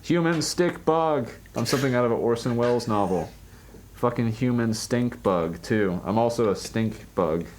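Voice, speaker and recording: A man's voice: on the low side, normal speed, darkish tone, a little hiss or hum. A man co-hosting a casual podcast, playful and self-mocking in his banter. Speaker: podcast co-host. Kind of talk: casual chat.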